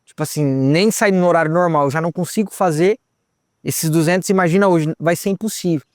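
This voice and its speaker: Young man, personal testimony, quick delivery, dry close sound, acts out conversations. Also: on the high side, dry recording. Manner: retells events with quoted dialogue, says "cara" often. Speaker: testimony guest. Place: hilltop lookout, outdoors.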